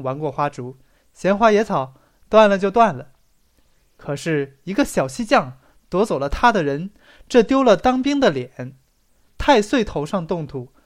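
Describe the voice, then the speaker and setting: An audiobook reader tells a literary story in an expressive, storytelling style, leaning on the dramatic phrases. The voice is medium in pitch.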